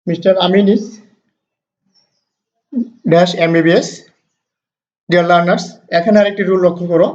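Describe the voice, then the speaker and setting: High-voiced male grammar teacher, lo-fi. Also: little pitch movement, darkish tone. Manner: explanatory, slow deliberate reading of English examples, frequent hesitations. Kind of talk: recorded lesson, mixing two languages. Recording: dull lo-fi recording.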